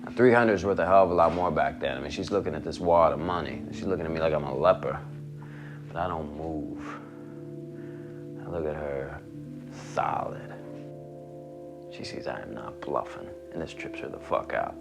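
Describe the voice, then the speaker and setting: A man's voice: very deep voice, moderate pace, gravelly, long pauses. An actor playing a crude, boastful man who tells a swaggering story in a film monologue, with music under the film audio. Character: crude boastful man recounting his teenage conquest.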